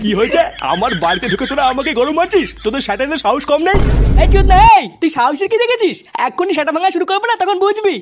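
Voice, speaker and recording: A voice actor playing a hot-tempered, abusive neighborhood thug in a cartoon, talking fast and making threats. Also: sits high, big pitch swings, noisy background. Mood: furious.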